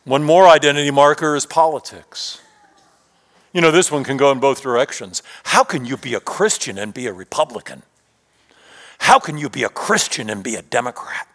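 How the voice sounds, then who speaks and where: A man preaching a sermon, asking rhetorical questions and dropping his voice low at times. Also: a bit bright. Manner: rhetorical questions, rising and dropping to near whisper. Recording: long hall reverb.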